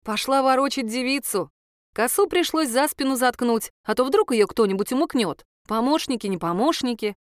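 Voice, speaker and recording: A woman's voice: high voice, animated, normal speed, no echo, clean studio sound. A woman narrating a story in the first person as an audiobook, in a wry, conversational manner.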